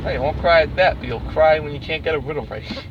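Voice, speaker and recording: Young guy podcasting, high-ish voice, swears a ton, teases, lots of uh's, muffled noisy recording. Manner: crude, teasing, swears often, halting with many fillers. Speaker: podcast co-host. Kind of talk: casual podcast chat. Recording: dull lo-fi recording with clear background noise.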